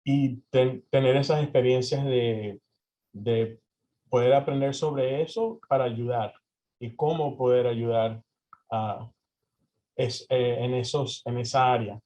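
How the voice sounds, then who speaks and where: A man's voice: medium pitch, fairly even intonation, takes it slowly, dark tone. A young man from Venezuela answering interview questions, hesitant with many fillers and restarts. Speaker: interview guest. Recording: slightly dull lo-fi audio.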